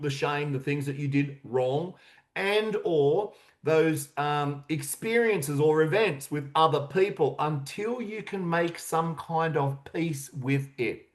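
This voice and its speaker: A man giving a motivational coaching talk on self-acceptance, earnest and emphatic, repeating key questions for effect. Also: fairly high pitch. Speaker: confidence coach.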